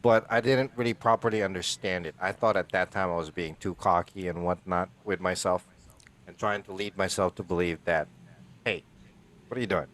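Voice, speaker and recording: This Filipino podcast co-host, a man in his forties, has a low, fairly bright voice with a steady tone and moderate pace. He rambles casually, frequently restarting his sentences and laughing often.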